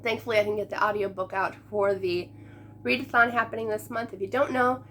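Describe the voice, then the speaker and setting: A woman in her late twenties, a book vlogger chatting casually to camera, sick and a little hoarse, upbeat and laughing often. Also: medium pitch, steady tone, a little fast, fairly bright tone, a little hiss or hum. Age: late 20s. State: sick, voice going.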